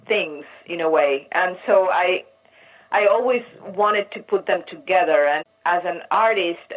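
Woman from Argentina, muffled line. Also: low voice. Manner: thoughtful, searching for words with restarts. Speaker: artist. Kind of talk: interview answers.

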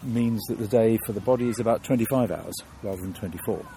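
Low, mellow-voiced man musing outdoors. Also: fast talker, a little hiss or hum. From London. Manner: reflective, hesitant, many restarts and fillers. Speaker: guest. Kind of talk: thoughtful interview talk.

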